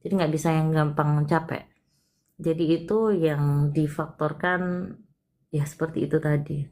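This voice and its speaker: A woman hosting a live palm-reading consultation, chatty and expressive, with frequent exclamations. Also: deep voice. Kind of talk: casual live-stream reading.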